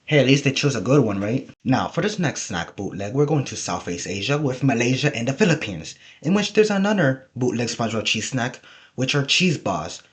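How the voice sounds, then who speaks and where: A male video host rambles through casual, humorous commentary, joking and often cutting himself off mid-thought. He has trouble pronouncing R, making a w-like sound instead, and speaks fairly quickly in a medium-pitched, sing-song voice.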